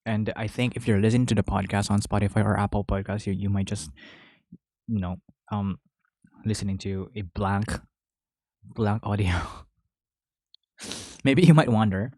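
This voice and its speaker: Between bites, a man hosting a podcast chats casually, rambling and correcting himself as he chews between phrases. His lowish, mellow voice has fairly even intonation; he's a little slow and pauses often. The studio-quality sound has no echo.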